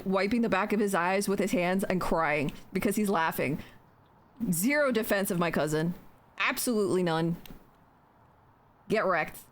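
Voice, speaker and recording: A chatty young woman streamer with a voice on the low side jokes, talks to herself and swears freely while building in a game during casual live-stream chatter. There's a little hiss or hum in the audio.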